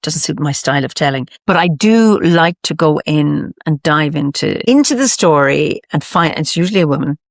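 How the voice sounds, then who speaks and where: An Irish woman storyteller talking reflectively in a lilting, emphatic way, with thoughtful, deliberate pauses. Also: low voice, lively intonation, creaky, no room sound, studio quality. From Ireland. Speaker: storyteller, interview guest. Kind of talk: reflective conversational storytelling talk.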